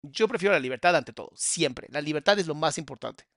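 A man, hosting a podcast and reacting with sarcastic, drawn-out remarks. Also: fairly high pitch, lively intonation, vocal fry, fairly bright tone, dry recording, clean studio sound. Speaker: host reacting to a guest's story.

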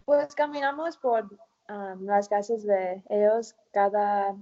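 A woman's voice: medium pitch, steady tone, slow pace, dark tone. A woman, an English speaker, answering casually in learner's Spanish and searching for words. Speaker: professional footballer being interviewed. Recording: dull lo-fi audio.

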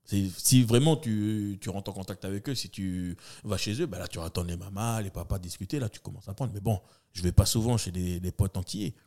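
This mellow voice belongs to a man talking a little fast. A New Caledonian comedian and entertainer, he guests with lively career anecdotes, slipping into other characters' voices and letting his pitch range widely.

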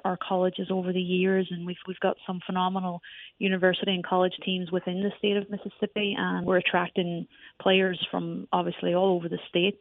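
An Irish woman who coaches soccer chats through a phone interview, restarting her sentences often. Her voice is lowish and gravelly with no room sound, heard over a tinny phone line.

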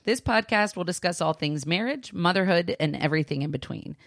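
A woman's voice: fairly low pitch, animated, brisk, dry recording, studio quality. A woman co-hosting a podcast for parents, talking candidly and self-deprecatingly in a casual style. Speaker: podcast co-host and mother. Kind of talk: casual podcast chat with scripted announcements.

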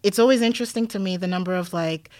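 A woman guest scholar who grew up in Denmark, talking through her ideas in a relaxed podcast interview, thinking aloud with many "like"s and "um"s and the odd wry laugh. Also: on the low side, fast talker, dry recording. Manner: reflective, thinks aloud with frequent "like" and "um"; laughs easily, wry asides.

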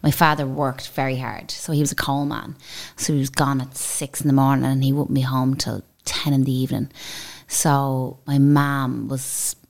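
Low-voiced Dublin Irish woman, chatty. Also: flat delivery, normal speed, creaky. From Dublin, Ireland. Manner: chatty, rambling storyteller. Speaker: podcast guest, salon owner. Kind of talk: casual interview chat.

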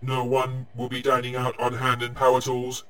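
A man's voice: mid-range voice, completely flat delivery, normal speed, fairly bright tone, clean tone, lightly acted, poor audio. A man playing a polite, formal robot butler who takes every word literally. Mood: polite monotone. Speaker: comic sketch performer. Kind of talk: sketch comedy acting.

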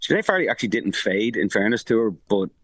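A man reporting on football for a podcast, his words tumbling out at high speed with frequent restarts and fillers. His voice sits low, and the recording is dry and close. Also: no room sound, rough recording. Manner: rapid, animated, full of restarts and fillers. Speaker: sports journalist reporting from the tournament. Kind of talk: casual podcast analysis. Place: remote link from abroad.

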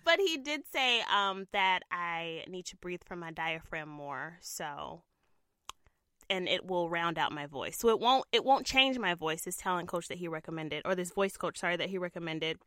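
A woman's voice: on the low side, animated, normal speed, pushed and bright, smooth, no echo, clean studio sound. A young woman co-hosting a casual podcast, with a throaty, nasal voice, chatting and laughing often. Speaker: podcast co-host and TV news reporter.

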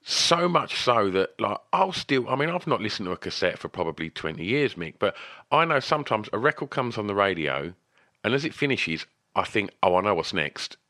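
A man with an Essex accent hosts a casual music interview. His voice is low and bright, with lively movement in pitch. He is chatty and enthusiastic, letting his questions ramble. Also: brisk, no room sound, clean studio sound. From Essex, England.

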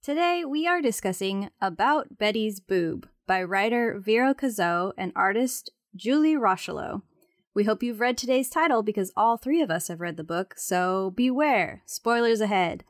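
A woman's voice: mid-range voice, expressive, normal speed, no room sound, clean studio sound. A woman hosting a book club podcast, delivering a scripted intro in an upbeat, announcer-like way. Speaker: podcast host.

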